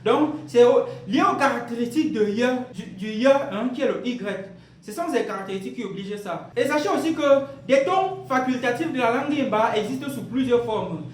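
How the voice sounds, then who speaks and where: High-voiced man teaching a language lesson. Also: lively intonation, a little fast, a little hiss or hum. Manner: patient, repetitive explaining with rhetorical questions. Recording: roomy echo.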